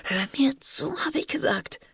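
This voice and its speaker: A woman's voice: high voice, sing-song, a little slow, gravelly, fairly bright tone, dry recording, studio quality, voice pushed up, heavily acted. Woman whispering as a panicked older sister, whispered role-play. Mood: urgent. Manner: hissing, pleading whisper. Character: frightened, urgent older sister girl.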